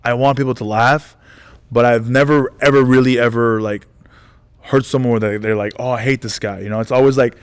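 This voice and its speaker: A man's voice: mid-range voice, steady tone, fairly quick, smooth. Rambling comedian man telling stories. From United States. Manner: rambling, many restarts and "like" fillers, acts out quoted voices. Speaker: stand-up comedian, guest. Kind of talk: casual interview storytelling.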